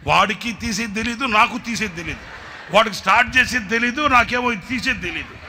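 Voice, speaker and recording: A man preaching, telling a comic testimony in an animated storytelling manner with sudden shouted bursts. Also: high voice, a little fast, slight background noise. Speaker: preacher sharing a ministry testimony.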